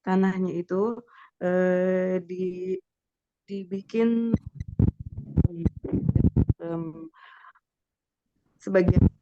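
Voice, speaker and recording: A woman's voice: on the low side, little pitch movement, mellow, clear, resonant tone. Woman on a choppy, breaking-up call. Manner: halting, full of pauses and filler sounds. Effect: choppy, breaking-up online call audio. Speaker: student asking a question. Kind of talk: hesitant question in an online class. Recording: dull lo-fi online call audio.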